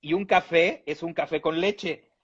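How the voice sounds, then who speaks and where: A man with a husky, slightly raised voice delivers a playful comic monologue. His tone is mocking and teasing throughout. Music plays faintly behind him. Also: fairly high pitch, a little slow, a bit bright, lo-fi sound. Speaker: comedian. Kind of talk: comedic monologue.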